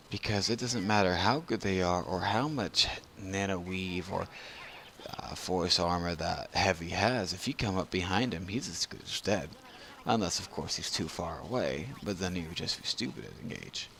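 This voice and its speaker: Drunk man with a low, gravelly voice. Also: a bit bright, a little hiss or hum. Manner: rambling, losing his train of thought. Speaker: gameplay tutorial narrator. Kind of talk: casual video game commentary.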